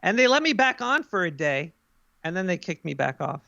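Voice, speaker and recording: A man's voice: high voice, big pitch swings, a little fast, gravelly, sharp tone, dull audio, exaggerated voice. A man voicing an easygoing, paranoid cartoon rat, rambling and joking through a casual interview with stammering starts. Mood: conspiratorial, joking. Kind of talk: casual comic interview in character.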